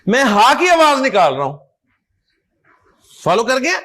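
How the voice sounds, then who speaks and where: A man teaching an Arabic grammar class, explaining slowly, demonstrating how to pronounce words and often checking that students follow. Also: very high-pitched, wildly swooping pitch, a bit bright. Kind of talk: online class lecture.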